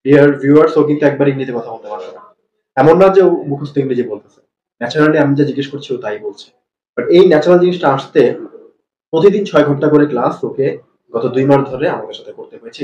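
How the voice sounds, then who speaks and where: A Bangladeshi man, an English teacher, testing students' speaking and explaining to viewers, mixing Bengali and English in a calm questioning way. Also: mid-range voice, very fast, lo-fi sound. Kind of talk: oral test and explanation to viewers. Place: classroom. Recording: echoey classroom with faint ambience.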